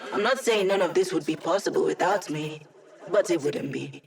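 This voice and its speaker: A woman's voice: lowish voice, normal speed, gravelly, roomy sound, far from the mic. A woman voicing a cocky, playful young female hacker in a video game, with a wry, teasing, self-assured delivery. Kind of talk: video game character voice lines.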